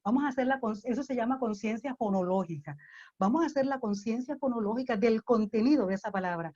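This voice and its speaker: A woman's voice: a little high, fast, a little mellow. Didactic woman teacher, lo-fi audio. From Colombia. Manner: didactic, repeats key phrases for emphasis. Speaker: teacher giving a talk to parents. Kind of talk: slide-based lecture to parents.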